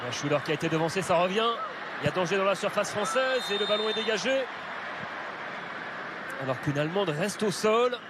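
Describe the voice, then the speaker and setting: A man giving excited live football commentary, play by play, shouting at big moments. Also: high-pitched, brisk, long pauses. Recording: loud stadium crowd noise. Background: roaring stadium crowd.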